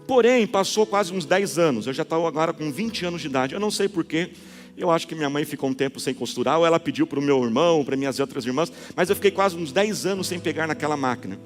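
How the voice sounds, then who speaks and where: A man's voice: on the high side, animated, fast talker, long reverb tail, faint music behind. A Brazilian man in his forties, a pastor preaching a sermon, telling stories and asking the congregation rhetorical questions. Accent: Brazilian Portuguese. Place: church sanctuary.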